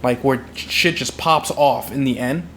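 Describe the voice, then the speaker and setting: A man's voice: mid-range voice, unhurried, slight background noise. A young man co-hosting a podcast, chatting casually about a film, acting out reactions and swearing freely. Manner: animated, acts out reactions, swears. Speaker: podcast co-host. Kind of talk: casual film review chat.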